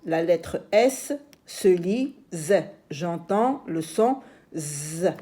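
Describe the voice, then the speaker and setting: A woman teaching young children to read, slowly repeating each word with patient explanations. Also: lowish voice, expressive, warm tone. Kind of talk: phonics lesson for young children.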